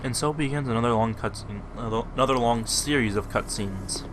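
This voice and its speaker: Playing a game, a let's player offers casual, wry commentary, muttering offhandedly in a medium-pitched voice at a fairly quick pace. Game music and sound effects fill the background.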